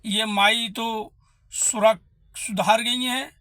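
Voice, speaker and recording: A man voicing a village neighbor in a devotional story, speaking hesitantly and haltingly. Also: sits high, steady tone, bright, forceful tone, dry recording, full character voice.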